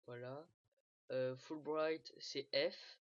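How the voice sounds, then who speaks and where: Speaking very slowly in a mid-range voice with fairly even intonation, this creator guides viewers through a game tool in a relaxed screen-recorded tutorial. Hesitations, fillers, and restarts come often. The dull lo-fi mic is dry, with no room sound.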